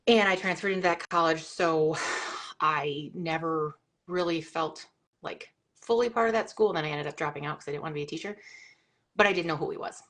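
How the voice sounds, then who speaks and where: A woman's voice: low-pitched, a little fast, fairly bright tone. A middle-aged woman hosting a live video chat, talking casually and rambling with lots of fillers and restarts. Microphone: video call.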